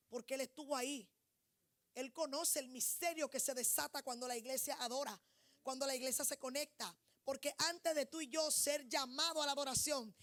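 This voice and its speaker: A woman preacher delivers an impassioned sermon in a high, bright, sharp-edged voice. Her delivery is declamatory and emphatic, with phrases pushed up into shouts. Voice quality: high-pitched voice. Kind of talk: fervent sermon.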